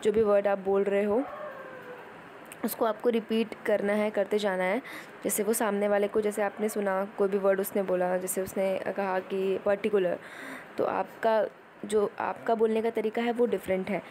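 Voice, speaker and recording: Woman lecturing in slow, repetitive Hindi. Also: mid-range voice, little pitch movement, a little mellow, slight background noise, low-quality recording. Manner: explains in Hindi, reads English headings out slowly; repetitive, with many fillers. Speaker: teacher. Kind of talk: exam-prep lecture.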